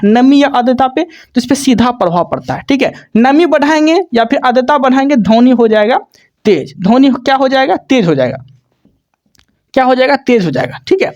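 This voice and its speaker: A teacher with a high voice runs an exam coaching lecture. They keep posing questions and answering them right away. Points get repeated over and over, with regular checks that the class is following. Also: darkish tone, dull audio. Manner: frequent check-ins to students.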